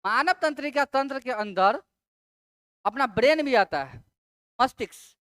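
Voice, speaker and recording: A woman lectures on exam-prep science in a fairly high, smooth and resonant voice. The sound is dry and close. She drags out key terms syllable by syllable and asks her students rhetorical questions to check they follow. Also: animated, measured pace, fairly bright tone, dry recording. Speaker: teacher.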